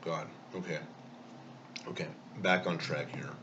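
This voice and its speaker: A man's voice: low-pitched, fairly even intonation, a little slow, highs cut off, noisy background. A man telling a rambling, self-mocking story in a casual vlog while eating. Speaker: vlogger.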